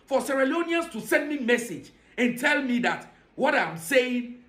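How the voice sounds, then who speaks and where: A man with a West African accent speaks in a strikingly high-pitched voice. He delivers impassioned political commentary straight to his audience, insistent and emphatic, hammering points through repeated phrases. The sound is echoey, as in a reverberant room. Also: big pitch swings, moderate pace, a bit bright.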